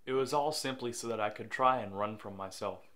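A young man playing a troubled young man who narrates quietly and with regret, and who snaps back in family arguments. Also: fairly low pitch, fairly quick, natural voice. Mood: regretful. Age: young adult. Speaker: lead actor and narrator. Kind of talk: reflective voice-over narration and dialogue.

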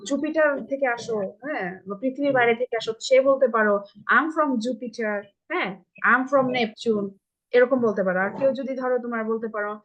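A woman's voice: on the high side, fairly bright tone. Patient Bangladeshi woman teaching English online. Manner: patient, slow model phrases, checks understanding. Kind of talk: online live class for kids. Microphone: video call.

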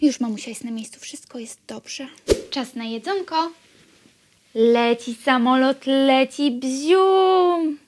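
A doting mother, acted by a woman in a comedy sketch, talking to her baby. Her voice is high and swoops widely, with slow, cooing phrases. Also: lively intonation, noisy background. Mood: soothing.

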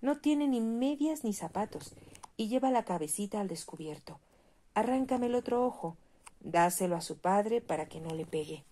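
A woman voicing a gentle, sorrowful prince statue in a read-aloud fairy tale, speaking softly and pleadingly. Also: mid-range voice, expressive, normal speed, voice pushed up, natural voice.

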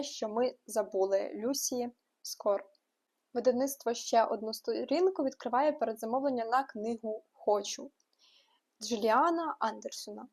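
Chatty young woman reading book news. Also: a little high. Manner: chatty, quick asides and frank opinions. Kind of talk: casual book news roundup.

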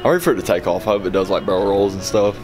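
A man's voice: low-pitched, racing, over music. A young man from Alabama chatting casually to a handheld camera as he vlogs his travels. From Alabama, United States. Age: young adult. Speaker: vlogger. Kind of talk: casual travel vlog chat. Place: airport terminal and airplane cabin. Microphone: handheld camera at arm's length.

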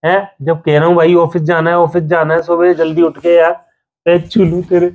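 A man's voice: fairly high pitch, completely flat delivery, a little fast, phone-quality sound. A young man hosting a home prank video on his wife, pleading and teasing with a laugh in casual banter.

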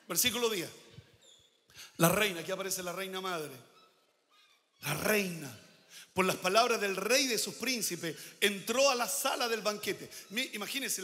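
Man preaching in a big echoey church, high ringing voice, goes loud then quiet. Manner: emphatic preaching, swinging between loud declarations and quiet asides. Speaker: pastor. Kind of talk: sermon.

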